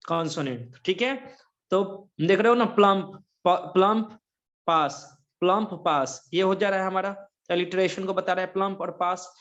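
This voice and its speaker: A man's voice: high voice, a little fast, a bit bright, dull audio. A man with an Indian accent teaching an online English lesson, mixing Hindi and English and often checking whether students follow. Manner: mixes Hindi and English, repeats checking questions. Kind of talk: online English grammar lecture.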